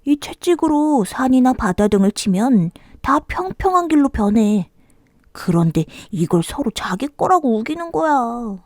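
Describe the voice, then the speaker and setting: A stubborn little monkey from a children's fairy tale, acted out by a woman, argues insistently. The delivery is animated, pitched as reading to a toddler, with a dry, close sound. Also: measured pace, no echo. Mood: insistent, bickering. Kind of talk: children's storybook character voice.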